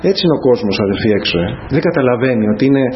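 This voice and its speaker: A man's voice: medium pitch, animated. A man delivers an earnest sermon in a medium voice, turning again and again to his listeners. The recording is dull and lo-fi, with a faint hiss of noise and ambience behind him. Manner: earnest, repeatedly addressing the congregation as brothers. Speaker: preacher.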